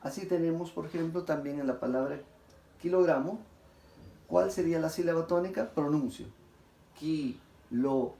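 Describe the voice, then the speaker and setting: A man, giving a classroom lecture. He often checks in with his listeners and stretches example words out slowly, syllable by syllable. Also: fairly high pitch, vocal fry, dark tone. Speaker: teacher. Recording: echoey room, faint background noise.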